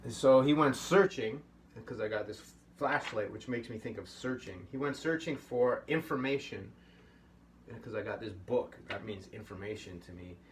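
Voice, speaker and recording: An easygoing middle-aged man hosts a puppetry workshop in a home workshop room, speaking in a lowish, animated voice at moderate pace. He gives casual instruction, thinking aloud with fillers, captured by a distant camera mic that sounds slightly far off with faint hiss.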